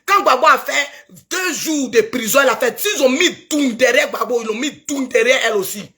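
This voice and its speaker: A woman's voice: sits high, animated, brisk, sharp tone. A woman with an Ivorian French accent delivering a heated, preachy video rant and scolding someone emphatically. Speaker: social media commentator.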